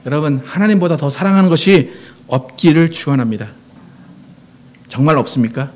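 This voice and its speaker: A man's voice: a little high, animated, fairly quick. A middle-aged man preaching a Sunday sermon as pastor, earnest, often asking his congregation questions and reading scripture aloud with emphasis.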